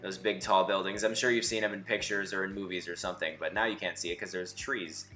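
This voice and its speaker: A man's voice: sits low, steady tone, quick pace, sharp tone. Young guy narrating a drive, sarcastic and chatty, muffled since the mic's not near him, some music faintly behind. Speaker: vlogger. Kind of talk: casual driving vlog narration. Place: inside a car. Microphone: camera mic from a distance, muffled.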